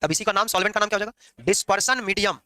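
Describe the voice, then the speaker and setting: A man teaching chemistry in a classroom lecture, lively and teasing his students as he explains. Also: high-pitched, racing, clean tone, no echo. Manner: lively, scolding and joking with students.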